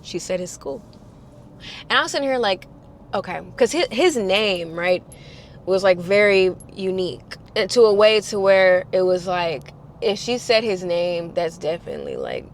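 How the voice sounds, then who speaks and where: Young woman vlogger, casual storytime, animated delivery. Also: moderate pace, a little hiss or hum. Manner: animated, acts out quotes in higher voices.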